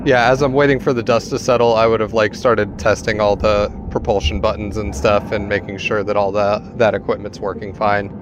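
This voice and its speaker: A man's voice: fairly low pitch, little pitch movement, fairly quick, hardly any pauses, background noise. A man playing a tabletop game, laid-back and joking, swearing casually as he says what his character does. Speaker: player. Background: background music.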